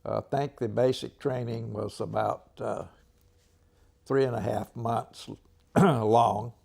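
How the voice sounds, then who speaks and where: Slow, gravelly old American veteran remembering. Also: male voice, mid-range voice, fairly even intonation, darkish tone. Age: 90s. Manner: halting, frequent throat clearing and long pauses. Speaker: World War II veteran. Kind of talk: old veteran remembering, unscripted interview recollection.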